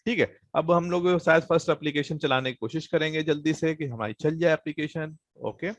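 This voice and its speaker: A man's voice: fairly high pitch, fairly quick, no echo, lo-fi sound. A man teaching a programming class online, explaining casually and checking in with students, with plenty of fillers. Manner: explains casually, many fillers and "thik hai" check-ins.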